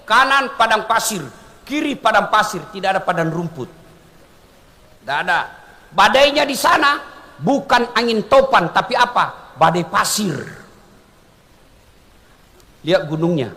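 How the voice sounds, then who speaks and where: A man giving a humorous sermon, joking and animated, asking his audience questions. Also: high-pitched, long reverb tail. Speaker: Islamic preacher.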